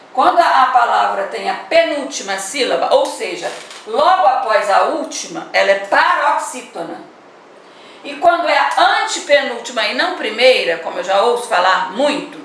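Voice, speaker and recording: A woman's voice: on the high side, a bit bright. A woman teacher with a Brazilian Portuguese accent giving an online class, explaining patiently and often adding a questioning "né?". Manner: explanatory, repeats words and adds "né?". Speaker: primary school teacher. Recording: echoey room, voice from a distance, faint noise.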